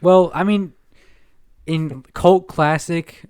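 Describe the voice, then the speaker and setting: Laid-back man with a smooth, dry voice. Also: on the high side, steady tone, slow pace, a little mellow, no room sound. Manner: hesitant, restarts, laid-back. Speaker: podcast co-host. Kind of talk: casual podcast chat.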